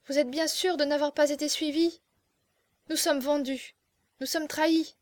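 A woman's voice: high voice, normal speed, a little mellow, no room sound, clean studio sound, lightly acted. A woman voicing a frightened young noble mother, trembling and tearful, in an audiobook. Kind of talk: audiobook character voice.

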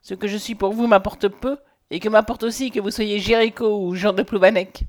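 A woman's voice: medium pitch, steady tone, a little fast, darkish tone, lightly acted. A woman voicing a proud, indignant young woman who protests vehemently against a man's passion, in a read-aloud novel.

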